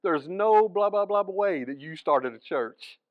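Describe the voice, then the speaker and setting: A pastor preaches a sermon, his voice sitting a little high for a man. He tells the story with animation, acting out each person's voice and often restarting his phrases. The sound is dry and close. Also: expressive, a little slow, no room sound, highs cut off.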